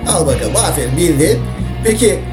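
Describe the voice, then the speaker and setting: Cheeky, slangy talking dogs come to life through a man's comedy voice-over of pet videos, joking, streetwise and exasperated. His natural voice is slightly high, animated and fairly quick, with loud music underneath.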